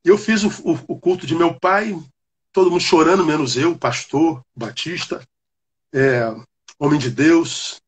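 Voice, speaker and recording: Male pastor, husky and fairly high, animated testimony in a casual chat. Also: unhurried. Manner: animated storyteller, calls the listener "cara". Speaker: Baptist pastor. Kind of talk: personal testimony on a live chat.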